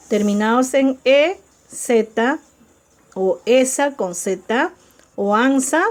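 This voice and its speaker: Slow, careful woman teaching spelling. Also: a little high, a little mellow. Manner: slow, spells out letters and repeats examples; checks in with listeners. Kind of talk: spelling lesson.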